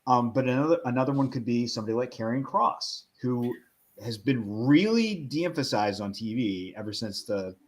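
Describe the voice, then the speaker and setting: A man's voice: mid-range voice, expressive, normal speed. A man on a podcast explaining his ideas in an analytical, thoughtful way. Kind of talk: casual chat.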